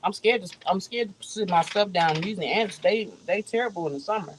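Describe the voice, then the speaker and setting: A woman's voice: mid-range voice, brisk, background noise. A woman vlogging outdoors, chatting casually to her viewers with lots of fillers and easy laughs. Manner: rambling, laughs often, many fillers. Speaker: vlogger host.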